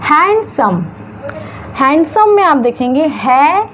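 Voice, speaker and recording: A woman teaching English grammar, stretching words slowly into syllables and asking questions that she answers herself. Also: high-pitched, sing-song, a little hiss or hum. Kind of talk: classroom-style grammar lesson.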